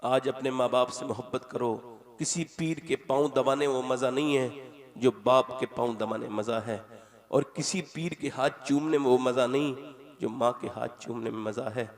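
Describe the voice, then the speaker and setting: A man preaching an impassioned religious sermon, dramatic and emotional, swinging between loud exclamations and hushed appeals. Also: medium pitch, steady tone, moderate pace. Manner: addresses the audience directly.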